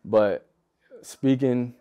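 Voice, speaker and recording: On a muffled recording, a young basketball player from the United States chats easily as a podcast guest, laughing a lot and leaning on fillers in loose phrasing. His medium-pitched voice is warm and clean, fairly even, and extremely slow.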